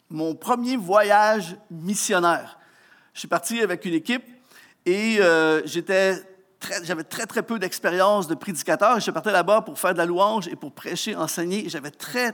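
A man's voice: high-pitched, fairly bright tone. A man with a Québécois French accent preaching a sermon, telling a personal story with humor and many restarts. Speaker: pastor.

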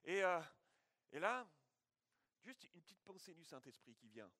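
Bright, high-voiced man preaching a sermon. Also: measured pace, a little hiss or hum. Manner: animated storytelling with spoken sound effects; frequent restarts and repeated words. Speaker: pastor. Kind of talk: sermon with a personal anecdote.

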